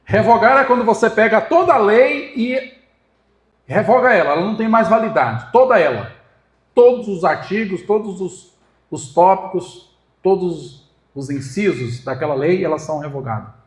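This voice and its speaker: A high-pitched man preaching with a Brazilian Portuguese accent, pressing his points with emphatic, rising force. His voice rings through an echoey church hall. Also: animated, normal speed. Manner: emphatic, building to forceful peaks while arguing. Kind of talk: sermon.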